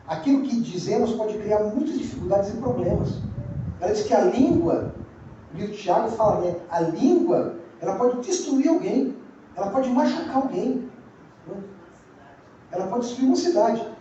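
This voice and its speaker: A pastor with a Brazilian Portuguese accent preaches conversationally in a church sanctuary, repeating phrases and asking the congregation questions. His voice is high and dark-toned, with slight background noise, in a very echoey, distant and dull church recording.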